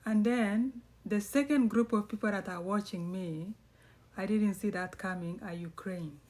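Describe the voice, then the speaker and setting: Speaking at a medium pitch and a slightly slow pace, this East African writer and YouTuber has a darkish tone. She talks to her viewers in a chatty, meandering vlog style, often stopping to correct herself.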